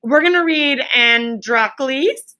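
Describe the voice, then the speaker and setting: A high, bright and forceful voice, delivered slowly, belongs to a woman teaching children to read. The elementary teacher keeps her explanations easy, returns to key words and questions her class.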